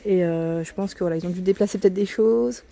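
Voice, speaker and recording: A woman's voice: mid-range voice, fairly quick, creaky, dark tone. Chatty woman with a cracking morning voice. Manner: chatty, often corrects herself, drops to a near whisper at times. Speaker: vlogger showing new store arrivals. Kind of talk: casual product walkthrough. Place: indoor store aisle.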